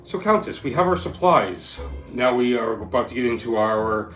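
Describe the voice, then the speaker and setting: A woman's voice: a bass voice, lively intonation, normal speed. A woman co-hosting a spooky craft show with playful, casual horror-host banter. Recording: roomy echo, faint music behind.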